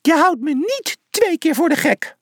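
A storyteller voicing a tiny, excitable male mouse who bosses and cheers on his team. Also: a little slow, no echo, studio quality. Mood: cocky. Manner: squeaky, bossy cheering.

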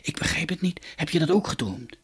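A man's voice: mid-range voice, big pitch swings, normal speed, husky, heavily acted. A man voicing a curious young boy in a storybook, asking questions in a lightly raised voice.

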